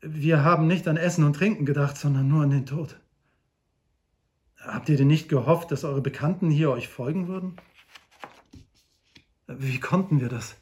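A man's voice: a little high, moderate pace, long pauses, darkish tone, lightly acted. A man voicing a polite, grateful banker who has just been rescued, in an audiobook. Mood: earnest.

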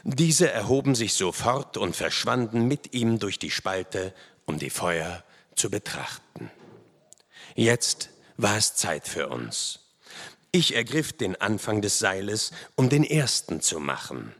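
Slow, gravelly dramatic male storyteller. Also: fairly low pitch. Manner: dramatic, expressive. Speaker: audiobook narrator. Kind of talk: dramatic first-person story reading. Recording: long hall reverb.

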